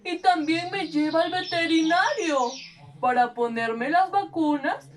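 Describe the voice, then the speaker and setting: Speaking in a very high, unhurried voice, a woman with a Peruvian Spanish accent plays a kind, cheerful male pet in a children's puppet show. She reassures and explains things patiently, her voice distant from the mic.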